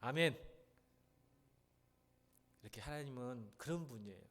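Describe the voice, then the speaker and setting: A middle-aged male pastor preaching in a church, talking conversationally and mimicking people with playful, rough slang. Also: mid-range voice, animated, a little slow, fairly bright tone. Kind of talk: sermon. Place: church sanctuary.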